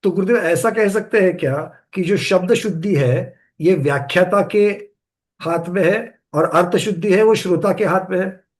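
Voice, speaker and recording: Man, student, fairly high voice, respectful, restates points to check them. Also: normal speed. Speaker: student asking questions. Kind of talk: question-and-answer discussion.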